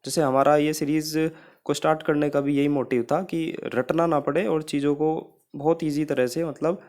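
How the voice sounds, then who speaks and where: A man teaches vocabulary in a steady, explanatory way. His voice sits a little above the usual pitch for a man. He goes over each memory trick more than once so it sticks. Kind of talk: vocabulary lesson.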